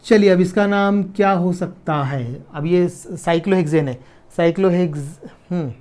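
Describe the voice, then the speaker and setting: A man's voice: sits high, a little mellow. Chemistry teacher, man. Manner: repeats key terms slowly, asks students "clear?". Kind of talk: casual classroom lecture.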